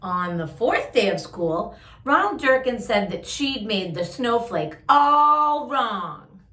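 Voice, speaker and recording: A woman reading a picture book aloud to young listeners, with expressive drawn-out emphasis and chatty asides. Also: medium pitch, reverberant. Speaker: children's story-time host reading a picture book aloud.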